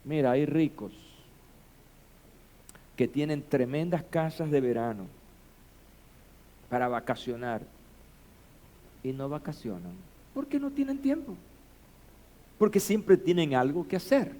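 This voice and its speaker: A man preaching a sermon as pastor, building to shouted emphasis and rhetorical questions. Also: mid-range voice, lively intonation, a little slow, long pauses.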